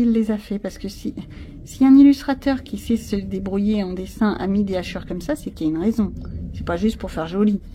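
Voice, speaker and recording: Speaking in a warm, mid-range voice, a coloring channel host narrates a relaxed session for her viewers. She thinks aloud and chats casually while coloring a picture with pencils.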